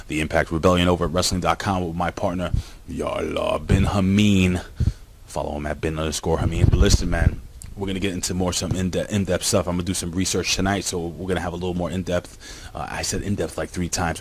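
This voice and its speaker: A man casually reviewing a wrestling show for his viewers, rambling and excitable, talking straight to the camera. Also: low-pitched, a little hiss or hum.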